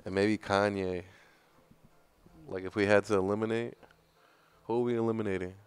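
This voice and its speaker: A man's voice: fairly low pitch, fairly even intonation, normal speed, smooth, no room sound. A man with a New York accent co-hosting a podcast in casual chat, hesitant and thinking aloud with frequent restarts. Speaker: podcast co-host.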